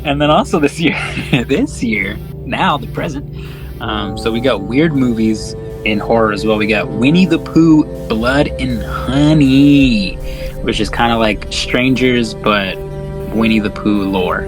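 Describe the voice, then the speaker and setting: A man with a medium-pitched voice speaks at a measured pace, co-hosting a podcast where he chats casually about films. His talk is slangy, profane and laid-back, like banter between buddies, with music playing behind him.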